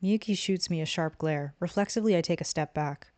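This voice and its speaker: A woman's voice: on the low side, fairly quick, darkish tone. A woman streamer reading a visual novel aloud, narration and the player's lines, stumbling at times.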